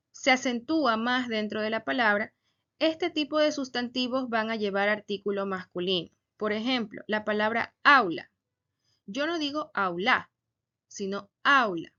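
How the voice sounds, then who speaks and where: A woman teaching a Spanish grammar lesson, speaking slowly and deliberately and stressing each example word. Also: on the high side, pushed and bright, highs cut off.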